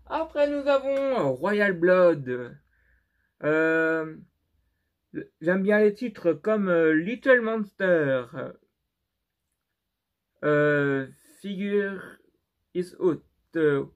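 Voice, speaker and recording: Hesitant young man with a halting delivery. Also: high-pitched, expressive, muffled recording. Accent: non-native French. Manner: halting and unsure, many fillers and restarts. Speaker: YouTuber showing his CD collection. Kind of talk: casual vlog commentary.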